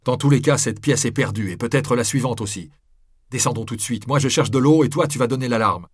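A man voicing a friar shouting orders. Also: medium pitch, a little fast, husky, no room sound, clean studio sound, natural voice. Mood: alarmed, urgent. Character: commanding male friar shouting in a fire.

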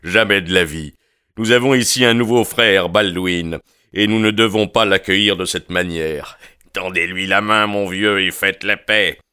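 A man's voice: low-pitched, a little slow, sharp tone, smooth, dry recording, studio quality. A man voicing a jovial but domineering male lodge boss in an audiobook, with a bluff, commanding manner. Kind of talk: audiobook character reading.

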